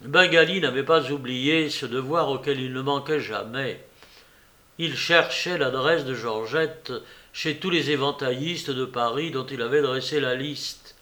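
A man reading a novel aloud as narrator, in a steady, measured storytelling manner. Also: medium pitch.

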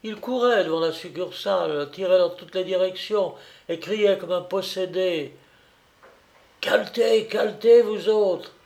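A man voicing an agitated woman eyewitness in a read-aloud crime story, raising his voice high and exclaiming. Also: moderate pace, few pauses, darkish tone. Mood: excited.

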